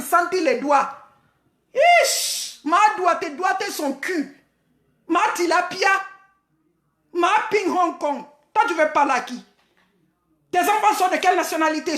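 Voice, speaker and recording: High-pitched woman hurling mocking insults. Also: roomy sound. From Senegal. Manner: vulgar, mocking, repetitive insults with frequent shouting. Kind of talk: insulting live-stream rant.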